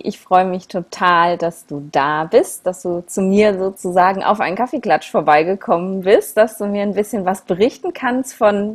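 A woman with a medium-pitched voice hosts a casual interview. She is effusive and encouraging as she chats with her guest. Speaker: podcast host and interviewer.

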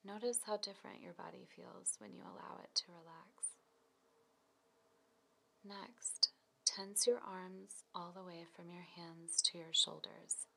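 A woman's low-leaning voice, soft and breathy to the point of whispering, carries a scripted relaxation session. She speaks slowly and soothingly, calmly talking the listener through each instruction.

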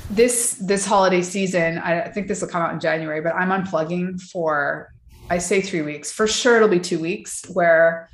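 A woman coach talks through her ideas in a relaxed podcast interview, thinking aloud with fillers and restarts. Her voice sits a little low. The room around her is echoey. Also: normal speed. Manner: chatty, reflective, many fillers and restarts. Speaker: wellness and mindset coach.

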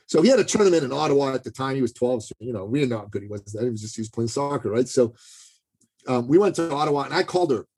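A man's voice: mid-range voice, expressive, racing, darkish tone, breathy edge. A man telling a story as a podcast guest, talking casually and often checking in with "you know" and "right". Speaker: business coach.

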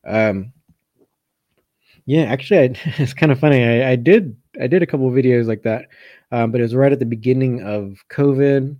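A man acting as a coach hosts a casual live question-and-answer session, answering viewer comments while thinking aloud and often rephrasing. His voice is mid-range at normal speed, with no echo and the highs cut off.

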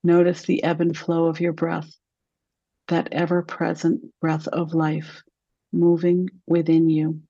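In a calm, slow delivery full of long silences, a woman talks the listener through a meditation. Her tone is mellow and level in pitch, captured in a dry, somewhat dull recording.

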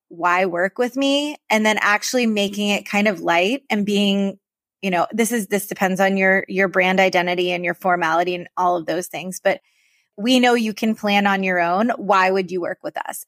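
A woman co-hosting a podcast for travel advisors, chatting casually in a rambling, animated way. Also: medium pitch, no echo, studio quality.

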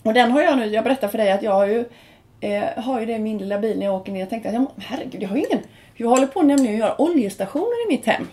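A woman co-hosts a relaxed podcast recorded at home. Her voice sits a little high, and she talks with eager enthusiasm, often rushing through ideas in quick bursts. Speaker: podcast co-host. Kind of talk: casual podcast chat.

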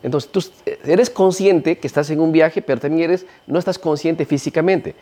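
A man's voice: a little high, moderate pace. A man with a Peruvian Spanish accent, an ayahuasca practitioner talking in a casual interview and animatedly acting out the people he describes. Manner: animated storyteller, acts out quoted voices.

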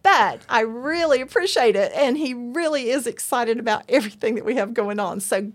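A woman co-hosting a podcast. She tells stories in a chatty, animated way, and her voice sits fairly high. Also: normal speed. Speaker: podcast co-host. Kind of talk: casual podcast chat. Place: studio room with soundboards.

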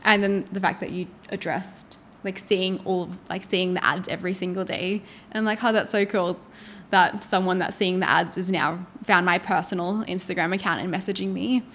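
A woman's voice: lowish voice, steady tone, moderate pace, hardly any pauses, a bit bright, a little hiss or hum. A woman hosting a relationship podcast, chatting in an upbeat, casual way. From Australia. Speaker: podcast host. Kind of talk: casual chat.

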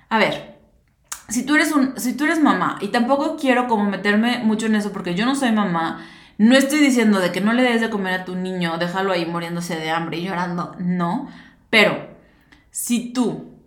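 A woman hosting a podcast, talking casually and directly to her listeners with lots of fillers. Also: medium pitch. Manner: chatty, talks straight to listeners with many fillers. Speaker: podcast host. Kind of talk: casual monologue. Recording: roomy echo.

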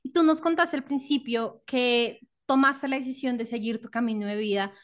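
A woman's voice: fairly high pitch, normal speed. A woman hosting a podcast in a casual interview, enthusiastic and affirming as she asks questions. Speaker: podcast host.

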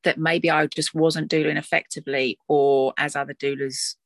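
A woman's voice: low-pitched, level tone, moderate pace, no room sound, studio quality. A woman with an Essex accent in a casual, reflective chat, talking in a chatty, conversational way as an interview guest.

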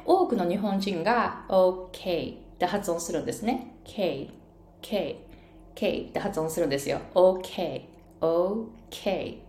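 A woman's voice: fairly high pitch, darkish tone. Woman coaching pronunciation, drags out sounds to show them, echoey room. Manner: demonstrates sounds by exaggerating them. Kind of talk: bilingual pronunciation lesson. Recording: roomy echo.

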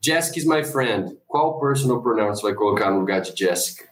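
A man co-hosting a casual podcast lesson, chiming in with relaxed short remarks. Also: lowish voice, brisk, reverberant, poor audio. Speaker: podcast co-host.

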